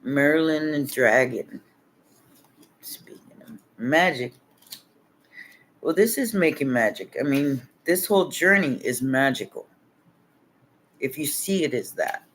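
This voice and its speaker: A man's voice: medium pitch, expressive, slow, pauses often, a bit bright, slight background noise. A man giving a casual livestream tarot reading, laid-back and chuckling as he rambles, sounding tired with his voice nearly worn out. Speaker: tarot reader.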